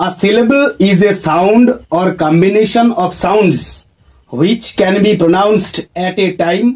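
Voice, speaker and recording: A man teaching English grammar at a board, explaining in Bengali and reading English definitions slowly, calling viewers "friends". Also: high-pitched, darkish tone, rough recording. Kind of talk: classroom lesson at a board.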